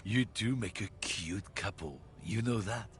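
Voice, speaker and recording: A man's voice: fairly low pitch, a little hiss or hum, natural voice. An actor playing a scornful, bigoted middle-aged man who lectures on racial superiority with a heavy, vaguely continental accent. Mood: mocking. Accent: heavy continental European-sounding accent. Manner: sneering, lecturing, drawn-out swoops.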